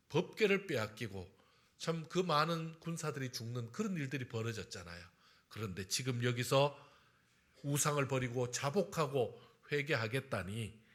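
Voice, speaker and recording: A man preaches as pastor in a Sunday church service, with a bright, forceful voice and a mid-range pitch. His delivery is emphatic, rising to loud calls and then dropping to hushed, drawn-out phrases. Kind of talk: Sunday sermon with prayer. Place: church sanctuary.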